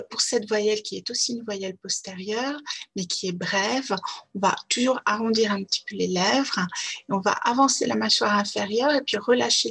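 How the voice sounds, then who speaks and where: A woman's voice: medium pitch, gravelly, a bit bright, husky. A woman pronunciation teacher, speaking in a patient, carefully articulated way as she repeats model words. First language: French.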